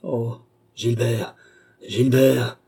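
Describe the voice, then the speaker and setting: A man's voice: mid-range voice, little pitch movement, extremely slow, creaky, mellow, slightly rough, exaggerated voice. A man voicing a grieving, hot-tempered young nobleman in an audiobook, with agitated, broken outbursts. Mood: distraught.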